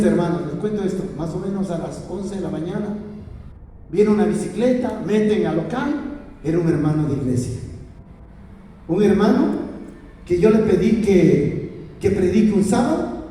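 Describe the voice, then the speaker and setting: A Peruvian man preaches a heartfelt testimony in a high voice, rising into impassioned pleading when he quotes his prayers. He is heard from a distance in a church hall, and his words ring back with a heavy echo. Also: lively intonation, moderate pace, warm tone. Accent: Peruvian Spanish. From Peru. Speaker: church elder giving testimony. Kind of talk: emotional sermon testimony. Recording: echoey hall from far off.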